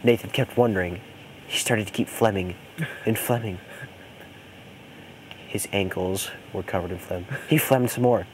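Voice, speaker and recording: Telling friends a made-up comic horror story, this man puts on a cartoon parody character's voice for laughs, stumbling and repeating phrases. His pitch is fairly low, his pace moderate, and he leaves long pauses. The amateur home recording is noisy.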